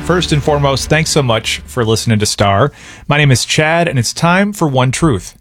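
Encouraging male radio DJ, slightly high voice. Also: normal speed, fairly bright tone, faint music behind. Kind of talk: scripted inspirational radio segment.

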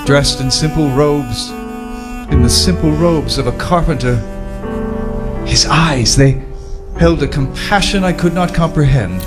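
Man playing a slow, solemn enslaved rower narrating. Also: fairly high pitch, loud music behind the voice, close to an everyday voice. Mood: solemn, haunted. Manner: solemn, measured. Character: embittered enslaved galley rower recounting his suffering. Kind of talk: dramatic first-person scripted narration.

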